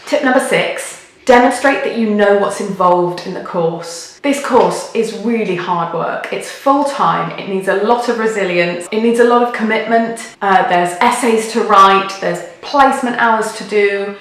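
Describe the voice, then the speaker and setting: A woman's voice: mid-range voice, a little slow, hardly any pauses, fairly bright tone. A British woman giving emphatic, encouraging advice straight to viewers, recorded in a big-echo, sparsely furnished room at home. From United Kingdom. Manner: emphatic, encouraging, repeats key words for stress. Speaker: video host, midwifery adviser. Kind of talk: direct-to-viewer advice video. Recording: big echoey hall-like room sound.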